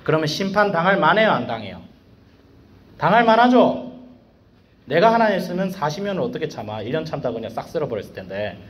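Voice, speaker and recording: Guy preacher talking to students, slangy, lively voice sitting a bit high, throws lots of questions. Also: quick pace, highs cut off. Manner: animated, slangy, full of rhetorical questions. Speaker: school evangelist and teacher. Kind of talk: casual devotional sermon to students.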